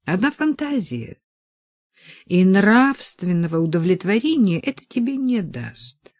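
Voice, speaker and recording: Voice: medium pitch, very animated, unhurried, no echo. Lester, a commanding persuasive man, as the reader voices him. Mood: insistent. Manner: insistent, reasoning. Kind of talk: audiobook dialogue.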